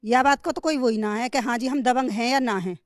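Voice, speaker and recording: A housewife, speaking bluntly and boldly as an interviewee. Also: female voice, a little high, brisk, no echo, studio quality. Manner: blunt, outspoken and bold. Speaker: interviewee, neighbor. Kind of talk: casual interview chat.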